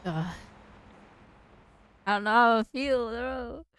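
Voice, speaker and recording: A young woman casually reacting to and reading aloud from a story game, slangy and excitable. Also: on the high side, slow, smooth. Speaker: gaming streamer.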